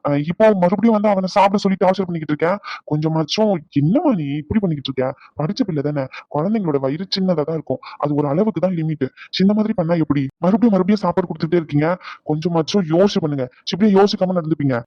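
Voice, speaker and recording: Cartoon young man, chatty and defensive, quick talker, dull lo-fi recording, voiced by a man. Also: high-pitched, no echo. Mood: lecturing. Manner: chatty, defensive, lots of hesitant "ah"s. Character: talkative young man, the boy's friend. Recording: dull dry lo-fi.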